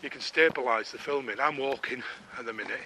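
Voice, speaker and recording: On a woodland walk, a middle-aged vlogger narrates a little fast in a mid-range voice, chatty and rambling with a self-deprecating streak and a slight breathlessness. The camera-mounted mic he walks with picks up outdoor noise and clicking.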